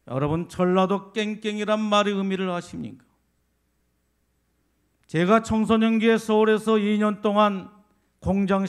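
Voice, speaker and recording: High, resonant Korean pastor preaching. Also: male voice, smooth. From Jeolla, South Korea. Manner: asks the congregation rhetorical questions; swells louder on emphatic points. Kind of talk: sermon.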